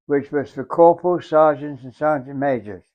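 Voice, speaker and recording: A very old English man, around a hundred, reminisces as a war veteran. His voice sits a little high for a man, and he talks in a halting, reflective way, circling back over phrases. The recording is somewhat dull and muffled. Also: steady tone. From England. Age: very old, around 100. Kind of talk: unhurried oral-history reminiscence.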